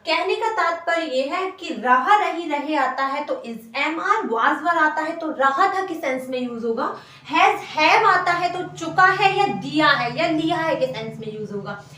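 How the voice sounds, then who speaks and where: A woman's voice: high-pitched, animated, a little slow, bright, forceful tone, far from the mic. A woman teaching an English grammar lesson, explaining patiently and repeating every example sentence. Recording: echoey room, voice from afar.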